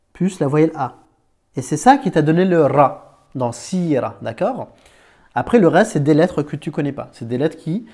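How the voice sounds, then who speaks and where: A man teaching a beginner to read Arabic letters, patient and informal, often checking understanding and slowly sounding out syllables. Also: fairly high pitch, darkish tone. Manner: patient, informal, talks to one learner as "tu", checks understanding with "d'accord?"; slows down and stretches words to sound them out. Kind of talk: Arabic reading lesson.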